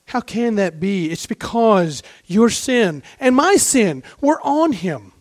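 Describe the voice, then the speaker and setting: A man with a notably high voice preaches a sermon in an unhurried, deliberate way. He talks fervently, asks rhetorical questions and drops to a hush before rising again. The sound is close and dry. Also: sing-song, no room sound. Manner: fervent, rhetorical questions, swings between hushed and raised.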